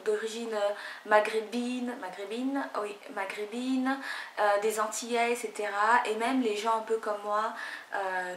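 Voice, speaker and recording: A woman's voice: on the high side, a little hiss or hum. A young woman from French Guiana, chatting through a casual hair tutorial with lots of fillers and restarts. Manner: chatty, rambling, many fillers. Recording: echoey room.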